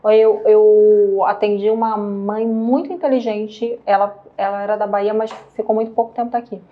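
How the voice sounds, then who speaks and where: Mulher brasileira psicóloga num podcast, fala animada, som meio abafado. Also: female voice, mid-range voice, normal speed, phone-quality sound. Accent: Brazilian Portuguese. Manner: animated, acts out quotes with laughter. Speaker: psychologist and podcast host. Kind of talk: casual conversational interview.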